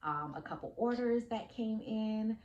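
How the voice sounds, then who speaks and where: A woman's voice: a little high, animated, measured pace, a little mellow, muffled recording, slight background noise. A woman fashion designer talking casually to her vlog audience, explaining her business in a chatty way with frequent fillers. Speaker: independent fashion designer and vlogger. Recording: echoey room.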